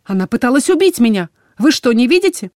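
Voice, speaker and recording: A woman's voice: a little high, very animated, quick pace, a little mellow, no room sound, studio quality, pitched above the performer's own voice. A woman voicing a hysterical, injured young woman who shrieks accusations at everyone around her.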